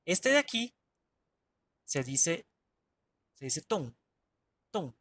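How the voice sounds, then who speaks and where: A man's voice: fairly high pitch, big pitch swings, very slow, sharp tone. Chatty male Mandarin teacher. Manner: chatty, self-correcting, asks "¿vale?" often. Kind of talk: online language class.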